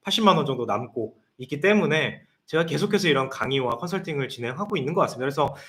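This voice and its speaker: A man in his thirties speaks quickly in a fairly high voice. He is a consultant answering viewer questions on a live stream. He explains things point by point. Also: lively intonation, fairly bright tone. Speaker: guest consultant.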